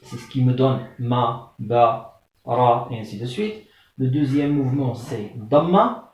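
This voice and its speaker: In a very echoey room, a male Arabic teacher with a medium-pitched, darkish voice is caught off-mic from a distance. He's giving a classroom lesson on the alphabet in French, patiently repeating terms slowly and checking that the class follows, with frequent "euh" and "d'accord?".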